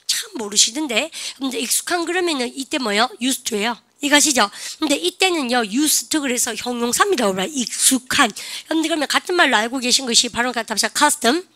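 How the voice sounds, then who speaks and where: A woman English teacher, lecturing on grammar and constantly quizzing her students, then modeling example sentences slowly. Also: sits high, lively intonation, bright, forceful tone, dry recording. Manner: quizzing, call-and-response questions to students.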